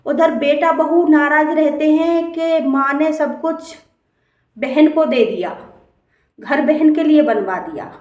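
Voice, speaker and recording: A woman's voice: high voice, slow pace, a little mellow. A woman speaking as a devotional speaker, giving an impassioned, earnest moral appeal and repeating phrases for emphasis. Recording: roomy, from a distance.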